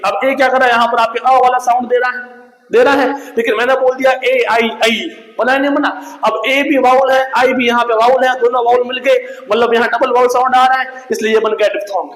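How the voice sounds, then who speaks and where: A man with a strikingly high voice teaches a grammar lesson. He keeps asking questions and answering them himself, repeating each key term. The sound bounces around an echoey room. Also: fairly bright tone. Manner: asks and answers his own questions, repeats key terms. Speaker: English teacher. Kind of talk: classroom lecture in Hindi.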